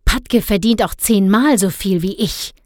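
A woman's voice: medium pitch, expressive, a little slow, dry recording, clean studio sound, natural voice. Woman doing a grumpy stingy dad. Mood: grumbling. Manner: scolding, indignant. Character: grumpy stingy middle-aged father.

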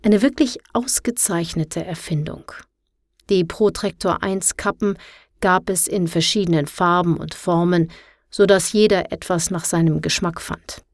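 Low-voiced woman reading a story. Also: measured pace, no echo, clean studio sound. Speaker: narrator. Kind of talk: audiobook narration.

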